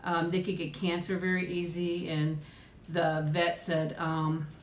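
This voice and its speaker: Speaking in a monotone at a measured pace, a middle-aged woman runs a casual live chat and eating stream for viewers at home. Her talk rambles, full of laughter and frequent ums, and the echoey room carries a faint rumble.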